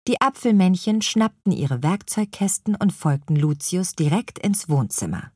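A woman reading a children's story aloud in a gentle, lively storytelling manner. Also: on the low side, normal speed, breathy edge, no echo, clean studio sound.

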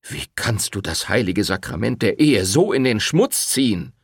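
A man's voice: fairly low pitch, big pitch swings, moderate pace, gravelly, slightly rough, no echo, clean studio sound, heavily acted. A man reading an audiobook, voicing a stern village priest who lectures and admonishes. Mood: admonishing. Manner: admonishing, preachy. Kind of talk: audiobook character voice.

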